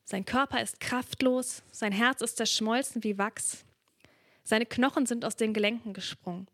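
A woman's voice: fairly high pitch, fairly even intonation, moderate pace, a bit bright, no echo, studio quality. A woman preaching a sermon in a reflective, earnest way, reading from the Bible. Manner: earnest, reflective, drops to a whisper at moments.

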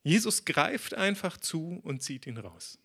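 A man preaching a sermon in a conversational, lively way, acting out quotes as he tells the story. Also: a little high, measured pace, slightly rough.

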